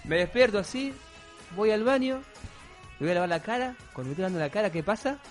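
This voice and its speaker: A man's voice: high voice, fast talker, faint music behind. A man with an Argentine accent co-hosting a casual radio talk show, telling stories with lots of laughs. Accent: Argentine Spanish. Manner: animated storyteller, laughs often. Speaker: co-host.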